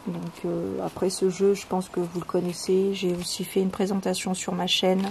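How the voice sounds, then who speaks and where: A woman hosting a casual video about her oracle cards, talking with many pauses, fillers and restarts. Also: lowish voice. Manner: reads card texts in a soft, calm tone. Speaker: channel host presenting oracle cards. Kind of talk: casual chat. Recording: home video with clear background noise.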